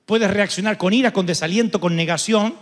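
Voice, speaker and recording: A man with an Argentine accent, a pastor preaching a sermon, telling stories with sudden shouts and humor. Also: sits high, a little fast. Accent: Argentine Spanish. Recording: long reverb of a large hall.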